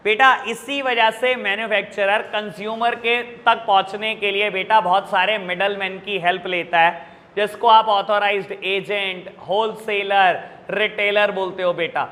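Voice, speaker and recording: A man's voice: sits high, pushed and bright, in a large hall. A male teacher with an Indian accent lecturing a class, often calling students "beta" and checking in with "theek hai na". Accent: Indian English. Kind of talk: classroom lecture explaining exam questions.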